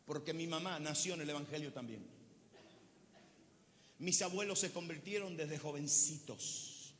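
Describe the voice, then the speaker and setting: In a large church hall, a pastor in his fifties preaches a sermon a little slowly, firing call-and-response questions at the congregation. He swings from loud shouts to quiet, low lines, with hall reverb and faint noise in the recording.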